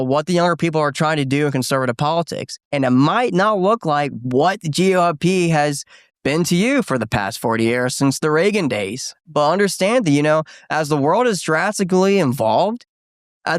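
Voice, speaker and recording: A man's voice: fairly high pitch, lively intonation, moderate pace, no room sound. A man in his twenties, a guest in a studio conversation, speaking thoughtfully and searching for his words. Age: 20s. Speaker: guest, young political activist.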